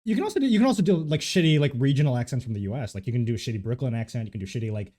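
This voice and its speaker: A man with a mellow, warm voice speaks quickly as a podcast host. He cuts in with additions and caveats while the talk keeps going. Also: mid-range voice, expressive. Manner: quick, interjecting, adds caveats. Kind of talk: casual conversation.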